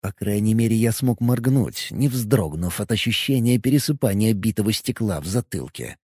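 A man narrating a first-person audiobook in an expressive, lively way. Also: on the low side, normal speed, slightly rough, no echo, studio quality.

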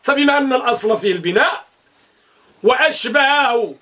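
Male grammar teacher, very high voice, quizzes the class and answers himself, chants rhymed rules. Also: animated, a little fast, sharp tone. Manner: poses questions and answers them himself, chants verses. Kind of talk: classroom lesson.

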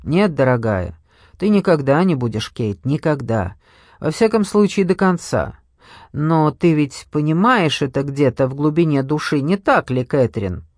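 A man's voice: fairly high pitch, lively intonation, measured pace, dry recording, studio quality. A man voicing a cruel, mocking ex-husband who taunts in a sneering way. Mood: menacing.

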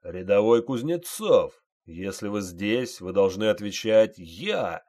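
Man voicing a harsh drill sergeant, loud slow commands, deep voice, audiobook. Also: animated. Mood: commanding. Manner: barking orders, loud and slow. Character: stern male army sergeant, harsh and commanding.

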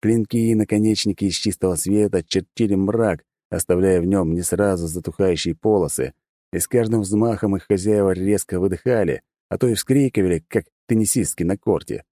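A man narrating a fantasy audiobook in the first person, steady and measured. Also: sits low, no room sound, clean studio sound.

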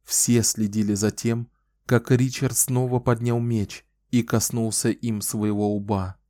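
A man reading an audiobook as narrator, with measured storytelling. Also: medium pitch, flat delivery, mellow, no echo, clean studio sound. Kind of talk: scripted narration.

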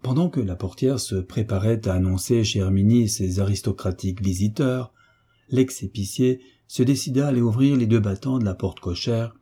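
A man narrating a classic novel as an audiobook in a measured storytelling manner. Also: lowish voice, dark tone, breathy edge.

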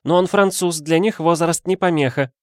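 A man voicing a haughty, sharp-tongued young married lady in an audiobook, with a scornful, imperious manner. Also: a little high, moderate pace, no room sound, clean studio sound, pitched above the performer's own voice, lightly acted. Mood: indignant. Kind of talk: audiobook character voice.

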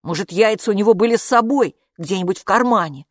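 A woman voicing a calm, gloomy boy in an audiobook who explains things matter-of-factly. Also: medium pitch, fast talker, no room sound, clean studio sound, lightly acted. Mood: glum. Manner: glum, matter-of-fact. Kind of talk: audiobook character voice.

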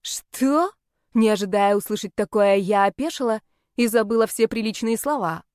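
A woman's voice: mid-range voice, steady tone, brisk, darkish tone, smooth, no room sound, clean studio sound. A woman narrating a first-person audiobook in a wry, sardonic tone.

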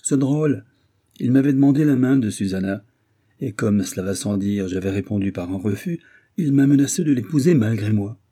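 A grave old nobleman in an audiobook, as a male reader gives him voice. He speaks measured and a little worried. The tone is dark, low and husky. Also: animated. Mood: earnest. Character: aged father, a worried French marquis.

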